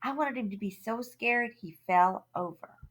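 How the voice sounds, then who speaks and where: A woman's voice: fairly high pitch, normal speed, a bit bright. A woman reading as an eager little boy. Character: excited young boy trick-or-treater.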